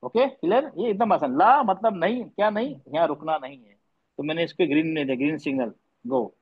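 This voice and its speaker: High-voiced male tajweed teacher, online class. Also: expressive, fairly quick, husky, dull audio. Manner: patient, repeats points, quizzes students; mixes English words into speech. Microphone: online class audio.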